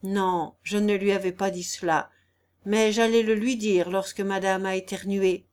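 A woman's voice: mid-range voice, steady tone, normal speed, a little mellow, natural voice. A woman voicing a bold, mocking male nobleman who speaks in a teasing, self-assured way.

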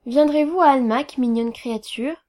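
A woman's voice: high voice, moderate pace, a little mellow, close to an everyday voice. A woman reading aloud, voicing a fawning, flirtatious society duchess in a lifted, coaxing voice. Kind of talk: audiobook reading.

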